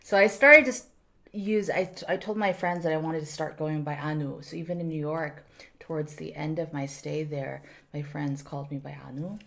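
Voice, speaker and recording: This podcast guest, a thirtysomething woman from South Korea whose native language is Korean, talks at a normal speed in a low voice with vocal fry. Her casual chat is reflective and lively, peppered with Korean words.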